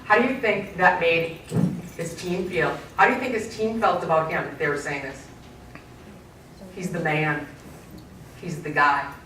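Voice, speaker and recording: Animated woman speaker in an echoey hall. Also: low voice, a little slow, long pauses, slight background noise. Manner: animated, asks the audience questions. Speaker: keynote speaker. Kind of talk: storytelling speech to a live audience. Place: community event hall. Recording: echoey hall, mic from far off.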